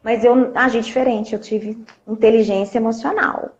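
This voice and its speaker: A woman coach, telling a story in a lively chat and acting out the dialogue. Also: fairly high pitch, normal speed. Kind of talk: live-stream conversation, storytelling. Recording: dull lo-fi live-stream audio.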